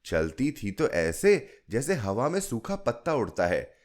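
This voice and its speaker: A man voicing a fond fifty-year-old woman who coaxes a child with a story in a gentle, lilting way. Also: medium pitch, huge pitch swings, unhurried. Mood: coaxing. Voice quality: coaxing, storytelling lilt.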